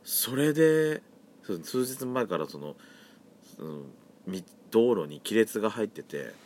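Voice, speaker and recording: A man from Yamagata with a Yamagata accent chats solo on his podcast in a fairly low voice. His pitch swings widely and lively as he talks. The phrasing is chatty and campy. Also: measured pace, a little hiss or hum. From Yamagata, Japan. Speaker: podcast host. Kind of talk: solo casual chat.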